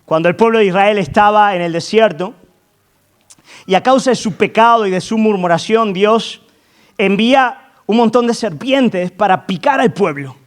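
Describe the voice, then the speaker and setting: A male pastor delivers a fervent sermon in a fairly high voice. He builds to emphatic peaks, asks his congregation for agreement, and often restarts and repeats his words.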